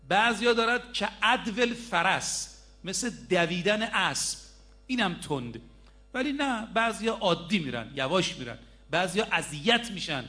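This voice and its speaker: A man's voice: on the high side, sharp tone. A middle-aged man preaching a sermon, telling a story and speaking straight to his listeners. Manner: storytelling, addresses listeners directly.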